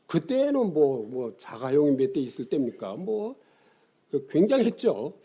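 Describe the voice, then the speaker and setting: A man in his seventies, a pastor preaching a sermon with animated storytelling and sudden quiet drops. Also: on the high side, measured pace, husky. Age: 70s.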